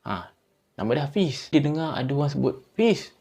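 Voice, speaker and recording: A man who tells a horror story in a chatty way. He speaks straight to his listeners and uses dramatic pauses. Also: on the high side, animated, vocal fry, warm tone, slightly rough. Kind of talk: casual spooky story narration.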